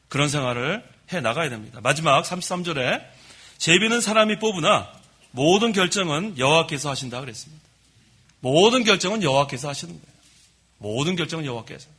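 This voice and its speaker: A middle-aged man preaching a sermon from the pulpit of a church, telling stories about himself in a lively way. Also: fairly high pitch, slightly rough. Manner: lively storytelling, admits his own faults. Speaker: pastor. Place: church sanctuary.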